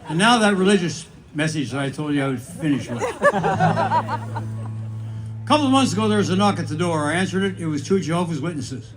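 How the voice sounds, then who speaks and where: Higher-voiced old man telling deadpan jokes. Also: over music, a crowd in the background, rough recording. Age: 80s. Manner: deadpan storyteller, brisk setups, dry punchlines. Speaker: comedian. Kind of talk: stand-up joke telling. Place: stage at a live variety show.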